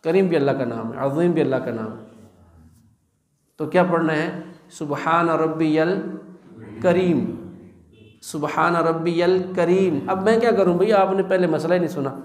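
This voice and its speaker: A man's voice: a little high, a little mellow, echoey room. A man giving a sermon as a religious teacher, asking rhetorical questions and stretching out recited examples.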